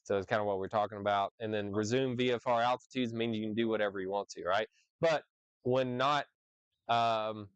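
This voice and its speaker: This clean, medium-pitched male voice, recorded without any room sound, belongs to a flight instructor running a casual discussion. He goes through the rules aloud, unpacks them in plain conversation, and keeps checking in with "right?"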